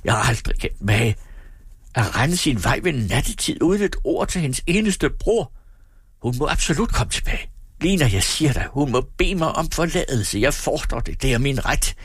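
A man voicing a blustering, greedy man who swings between rage and self-pity, ranting and accusing in a husky voice. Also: sing-song, no room sound, studio quality. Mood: indignant ranting. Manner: ranting, accusing, shrill when furious.

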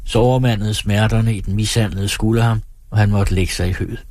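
Male audiobook narrator, husky and low, measured delivery, dry close mic. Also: no echo. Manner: steady, measured reading.

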